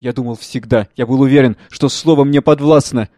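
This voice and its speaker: A man's voice: mid-range voice, fairly even intonation, brisk, dark tone, dry recording, studio quality, close to an everyday voice. A man reading a play aloud, voicing an aging writer and father in an impassioned, declamatory way. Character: aging man, a famous writer, anguished and earnest.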